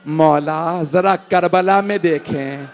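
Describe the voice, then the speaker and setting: A man delivering a Muharram majlis sermon, swinging from loud wailing cries to hushed, sobbing recitation. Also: on the high side, takes it slowly, faint music behind. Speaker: religious orator reciting a majlis.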